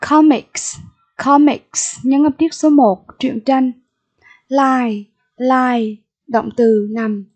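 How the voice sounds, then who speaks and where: A woman's voice: on the high side, very slow, a little mellow. A Vietnamese-accented woman teacher in a recorded English vocabulary lesson, repeating each word and giving its meaning and stress.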